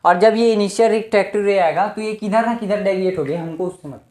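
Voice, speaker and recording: A man's voice: high voice, fast talker, darkish tone. A man teaching a casual board-exam physics lesson. He keeps asking rhetorical questions and answering them himself, and repeats words for emphasis. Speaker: physics tutor. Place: indoor room, teaching at a marker board. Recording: echoey room.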